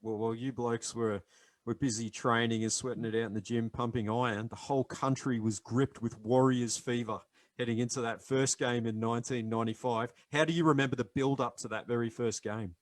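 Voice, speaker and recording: A man hosts a casual podcast, nodding along with quick affirmations and tossing in relaxed questions. His voice sits in an ordinary middle register. The sound is dry and close, with no room echo. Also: mid-range voice. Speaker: podcast host. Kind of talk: casual interview chat.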